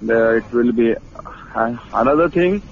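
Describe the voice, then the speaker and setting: A man in an informal phone consultation, halting as he searches for words. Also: medium pitch, animated, vocal fry. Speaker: field relief worker. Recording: tinny phone line with noise.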